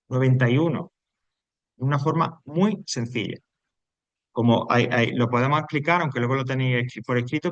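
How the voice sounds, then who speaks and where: Teacher, patient step-by-step explaining. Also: male voice, mid-range voice, no echo. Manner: explains step by step, often checks in with the class. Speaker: English teacher. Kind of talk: explanatory recorded lesson.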